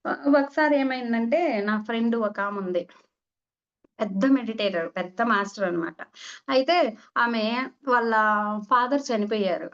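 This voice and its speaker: A woman with a somewhat high voice leads a spiritual talk as a meditation teacher. She speaks conversationally and slips into short acted exchanges. The recording sounds dull and lo-fi. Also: moderate pace, pauses often. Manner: conversational, acts out little dialogues.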